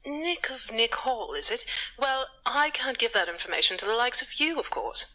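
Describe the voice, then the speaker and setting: An actress playing a snobbish psychiatrist who looks down on servants, in a game. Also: female voice, fairly high pitch, very animated, moderate pace, sharp tone, full character voice, low-quality recording. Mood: snooty.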